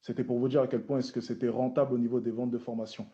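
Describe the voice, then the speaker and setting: A man who makes social media content, giving measured, formal answers at a hearing and repeating key phrases for emphasis. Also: medium pitch, level tone, mellow, muffled recording.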